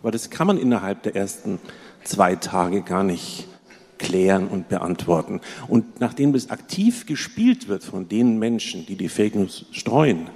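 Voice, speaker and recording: A man's voice: on the low side, animated, measured pace, a little mellow, slightly rough. A man in the audience asking a long, hesitant question into a handheld mic. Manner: long-winded, hesitant, with many fillers. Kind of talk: question from the floor. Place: conference hall with audience. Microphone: handheld mic passed around. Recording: long hall reverb.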